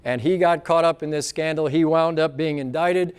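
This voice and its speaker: A man's voice: fairly high pitch, fairly even intonation, normal speed, a little mellow, smooth. A man giving a live local history talk with slides, conversational and asking the audience questions.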